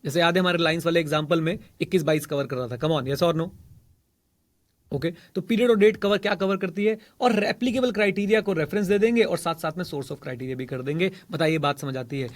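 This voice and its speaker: A man with an Indian English accent teaching an exam revision lecture, firing questions at students and slowing down to dictate definitions. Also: a little high. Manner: quizzes the class, slows sharply to dictate definitions.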